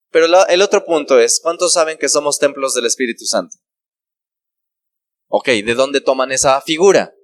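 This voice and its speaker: A man's voice: mid-range voice, no room sound. A man preaching a sermon who asks the congregation rhetorical questions and briefly acts out the voices of the people in his parable. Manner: acts out quoted dialogue in the parable.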